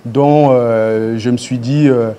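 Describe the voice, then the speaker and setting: A man's voice: medium pitch, steady tone, slow pace, mellow, clear, resonant tone. A man speaking as a guest and project coordinator on a live TV show, answering briefly and informally.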